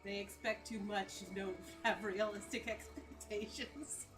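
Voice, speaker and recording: A woman's voice: medium pitch, steady tone, a little slow, over music. A woman co-hosting a gaming stream, giggly and teasing in casual chat. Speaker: gaming co-host.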